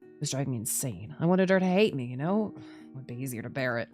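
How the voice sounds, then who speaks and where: A woman's voice: extremely low pitch, lively intonation, fast talker, a little mellow, faint music behind, voice pushed down. A woman voicing a weary, anguished male doctor in a visual novel, tender and self-blaming, with a subdued, heavy-hearted delivery. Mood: bitter regret. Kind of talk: visual novel dialogue reading.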